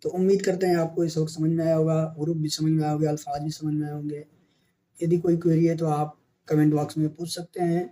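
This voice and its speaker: Indian urdu guy teaching kids to read, mellow voice a bit high, sounds out each syllable. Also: little pitch movement. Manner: spells out letters and syllables slowly, asks and answers himself. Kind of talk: beginner reading lesson.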